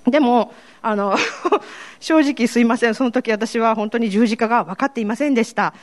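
A woman's voice: a little high, moderate pace. A woman with a Kansai accent giving a personal faith testimony to a congregation, telling her story in a candid, self-deprecating way. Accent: Kansai Japanese. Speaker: church member giving testimony.

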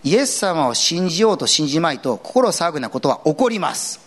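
A man's voice: brisk, slightly rough. A man pastor giving an earnest sermon in a conversational way, with casual asides mixed in. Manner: earnest, conversational preaching with lively swings in pitch.

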